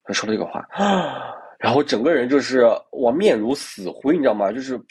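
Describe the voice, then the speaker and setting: A man's voice: medium pitch, fast, darkish tone, breathy edge. A male podcast host telling stories in a casual monologue, often turning to the listener with asides. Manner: talks to the listener directly, with many asides; restarts and fillers while recounting.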